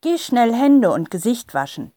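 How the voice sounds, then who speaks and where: A woman voicing a caring mother who speaks gently to her children in a storybook reading. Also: a little high, big pitch swings, measured pace, no room sound, clean studio sound, pitched above the performer's own voice. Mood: gentle. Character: caring mother of a farming family.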